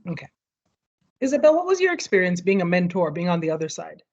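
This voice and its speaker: A woman's voice: on the low side, very animated, fast, a little mellow. Woman, study group leader, explaining step by step, muffled video call audio. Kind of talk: leading an online study group. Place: home near street fireworks.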